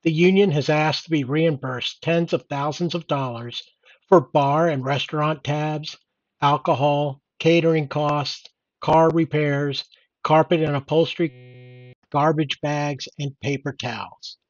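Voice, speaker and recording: A man's voice: fairly high pitch, fairly even intonation, unhurried, no room sound, dull audio. An older man reading out and commenting on news in an indignant, sardonic old-man rant. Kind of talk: opinionated read-aloud news commentary.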